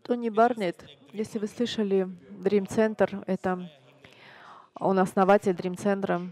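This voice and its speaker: Mellow-voiced preacher. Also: male voice, sits high, level tone. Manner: earnest, halting, with frequent restarts. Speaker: pastor. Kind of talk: sermon storytelling.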